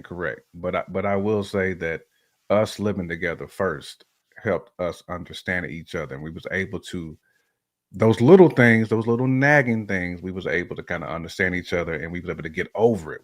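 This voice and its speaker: A low-voiced man co-hosting a talk show speaks casually and with strong opinions, using colloquial phrasing and repeating himself for emphasis. The sound is close and dry, with no room sound.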